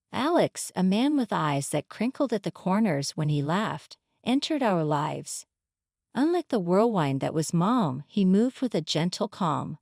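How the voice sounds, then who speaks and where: A woman's voice: fairly low pitch, vocal fry, a little mellow, dry recording, studio quality. A woman reading a scripted first-person family drama in a dramatic storytelling manner. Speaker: narrator.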